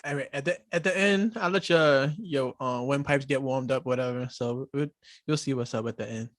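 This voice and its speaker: A man's voice: medium pitch, moderate pace, no echo. Slangy, laid-back male podcast host. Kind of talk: casual group interview.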